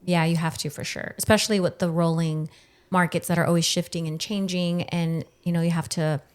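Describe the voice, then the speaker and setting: A woman's voice: on the low side, fairly even intonation, brisk, a little mellow, clean tone. A woman hosting a casual conversational interview, speaking in a chatty, affirming way. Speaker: podcast interviewer.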